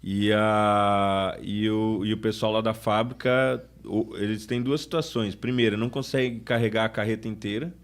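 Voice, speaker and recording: A man's voice: lowish voice, fairly even intonation, normal speed, few pauses. A man, a sales manager talking casually in a podcast interview, often restarting his sentences. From Brazil. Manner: chatty, restarts sentences often, acts out customer quotes.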